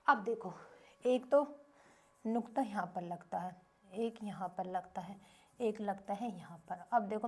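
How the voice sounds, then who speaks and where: A woman's voice: mid-range voice, husky. A woman teacher giving a grammar lesson to young children, asking short questions and answering them herself in a repetitive drilling rhythm.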